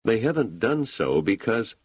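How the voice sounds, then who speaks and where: A man reading an audiobook, voicing a calm, probing woman who talks in a measured, persistent way. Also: on the low side, breathy edge, dry recording, lo-fi sound. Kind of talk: audiobook character voice.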